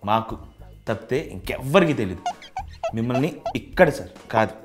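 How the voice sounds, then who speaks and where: A man's voice: mid-range voice, sing-song, a little fast, faint music behind. A young man, a bachelor tenant, earnestly persuading a house owner in a comedy sketch, saying "sir" again and again.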